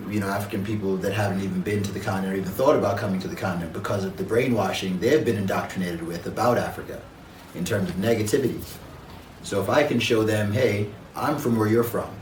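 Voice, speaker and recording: A man from Jamaica, a guest in an interview, speaking in a measured, reflective way with frequent pauses and fillers. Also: lowish voice, echoey room, far from the mic, a little hiss or hum, low-quality recording. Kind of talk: conversational interview.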